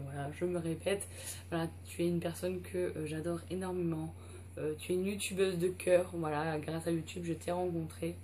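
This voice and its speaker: A woman's voice: lowish voice, a little mellow, slight background noise. A woman vlogger talking casually through an unboxing, hesitant and full of fillers.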